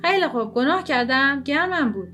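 Brief: indignant, touchy heavyset man read by a woman, high bright voice, a little louder. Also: animated, faint music behind. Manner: quick to take offense, indignant.

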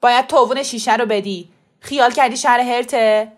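A woman reading a storybook voices a scruffy, belligerent male caretaker who shouts hoarsely and talks rudely. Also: on the high side, fairly even intonation, natural voice. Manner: rude, bullying.

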